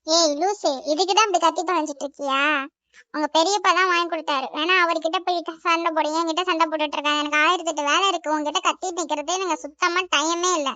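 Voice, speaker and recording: A woman's voice: very high-pitched, steady tone, quick pace, pushed and bright, no room sound. A woman voicing a harried, scolding Tamil mother in a cartoon, speaking with a Tamil accent. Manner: scolding, blunt insults.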